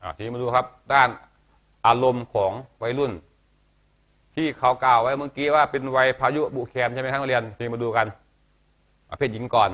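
A man teaching a health class, talking in a chatty way with little jokes. His voice is bright and forward, and he keeps asking the students questions as he explains. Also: mid-range voice, fairly even intonation, fairly quick, pauses often.

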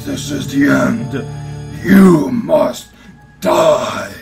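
A man voicing a huge, petulant monster king from a video game with slow, theatrical villain menace. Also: medium pitch, animated, gravelly, music in the background, pitched below the performer's own voice, full character voice. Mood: gloating menace. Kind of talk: cartoonish video game voice-over.

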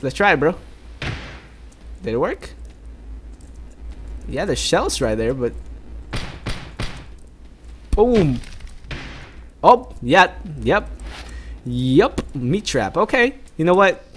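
A man's voice: fairly high pitch, big pitch swings, extremely slow, pauses often, slight background noise. A young man from South America giving jokey, rambling let's play commentary while he plays. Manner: rambling, jokey, talks to himself.

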